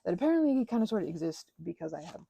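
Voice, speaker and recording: Rapid-fire and gravelly, her warm, lowish voice swings widely in pitch, captured in lo-fi sound with slight background noise. A young adult craft and ASMR channel host, she chats casually while crafting, scattered and self-interrupting, gushing and teasing herself as she wanders onto tangents.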